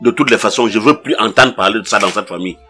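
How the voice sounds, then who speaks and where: A man's voice: lowish voice, fast talker, sharp tone, faint music behind. A man playing a firm older relative who admonishes the quarrelling siblings in a comedy sketch. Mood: stern. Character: stern older male relative mediating.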